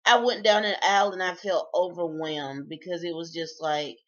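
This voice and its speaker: A woman's voice: on the low side, fairly even intonation, moderate pace. A woman talking casually in a video diary, chatty and sleepy, often breaking into laughs. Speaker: vlogger. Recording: dull lo-fi sound.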